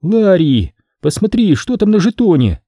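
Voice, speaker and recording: A man's voice: sits high, big pitch swings, unhurried, dark tone, no room sound, studio quality, pitched above the performer's own voice, exaggerated voice. A man voicing a practical, firm but kindly mother in an audiobook story.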